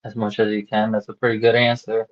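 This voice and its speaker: A man cold-calling a homeowner about buying her house, talking casually and haltingly with lots of fillers and restarts, heard over a phone line. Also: lowish voice, flat delivery. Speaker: real estate wholesaler cold-calling a seller. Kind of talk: casual sales phone call. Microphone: phone call. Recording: dull lo-fi call recording.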